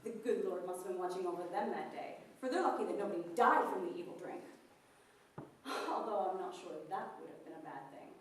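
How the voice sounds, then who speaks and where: A woman's voice: lowish voice, a little fast, slight background noise, lightly acted. A woman playing a prim, fiery village temperance crusader in a live theatrical monologue, preachy, indignant and declamatory. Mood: gossipy, scornful. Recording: very echoey, distant live performance recording.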